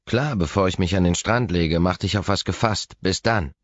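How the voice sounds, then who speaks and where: A man's voice: low-pitched, moderate pace, no room sound. A man reading an audiobook, voicing a breezy, teasing brother in a casual, jokey way. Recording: slightly dull recording.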